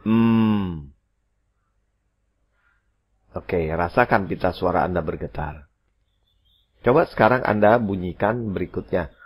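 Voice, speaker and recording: Low husky-voiced man teaching. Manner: slow, drawn-out model pronunciations of English phrases; repeats instructions to the listener. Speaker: English teacher. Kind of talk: audio English lesson.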